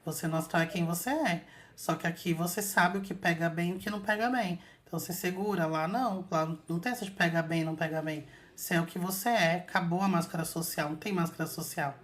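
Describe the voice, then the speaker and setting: A woman's voice: fairly low pitch, fast, hardly any pauses. A woman hosting her own channel, chatting casually to viewers as she retells an experience with lots of fillers. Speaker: channel host telling an astral projection story.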